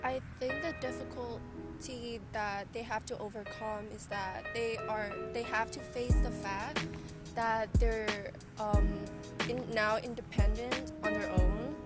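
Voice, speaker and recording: A woman giving a measured, thoughtful interview answer with "um" pauses. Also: on the high side, fairly even intonation, loud music behind the voice.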